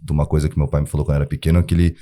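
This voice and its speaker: A young man in his twenties talks easily as a podcast guest, his voice low and mellow. He tells family stories in a relaxed way and laughs readily. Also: racing. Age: 20s. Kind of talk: podcast conversation.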